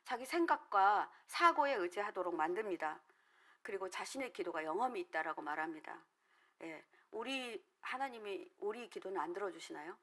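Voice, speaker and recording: A woman's voice: mid-range voice, expressive, normal speed, sharp tone. A middle-aged woman pastor, also a counselor, giving an earnest, explanatory sermon at a prayer meeting, with frequent filler words. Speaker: counselor trained in dream analysis.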